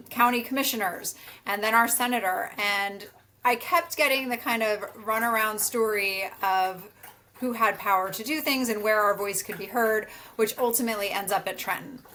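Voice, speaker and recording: A woman's voice: a little high, pushed and bright, low-quality recording. A woman in her forties from New Jersey, a teacher answering interview questions in an earnest, storytelling way with occasional restarts. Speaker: podcast guest, teacher and activist.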